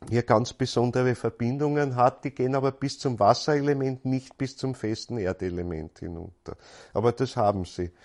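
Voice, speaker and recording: A man's voice: medium pitch, a little mellow. A man gives a spiritual lecture in a thoughtful, searching way, often repeating words as he goes.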